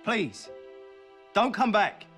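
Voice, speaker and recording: An actor playing an earnest, sensitive young son in a film, with a hesitant, halting manner. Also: male voice, sits high, big pitch swings, fairly bright tone, faint music behind, full character voice. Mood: betrayed anger. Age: young adult. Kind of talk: film acting.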